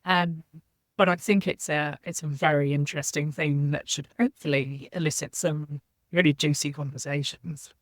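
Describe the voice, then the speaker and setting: A woman's voice: low-pitched, steady tone, normal speed, dry recording. A woman from Zambia, a podcast guest, speaking in a reflective, candid way. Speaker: guest, social impact leader. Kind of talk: podcast interview.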